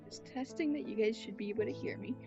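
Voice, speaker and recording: Woman streamer, fairly high voice, casual gameplay commentary over background music. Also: fast talker, highs cut off. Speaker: game streamer. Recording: music behind the voice.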